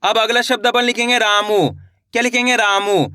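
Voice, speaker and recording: A high-voiced male teacher leads a beginners' writing lesson, breaking each word into slowly drawn-out syllables, saying it, asking for it back and calling his viewers friends. His voice is pushed and bright, clear and resonant, with fairly even intonation, and the recording is dry and close with no room around it.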